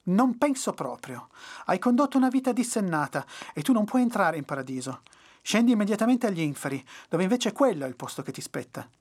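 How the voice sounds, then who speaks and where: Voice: medium pitch, huge pitch swings, takes it slowly, husky, exaggerated voice. A narrator doing a towering stern gatekeeper. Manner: stern and thundering. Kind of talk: storybook reading.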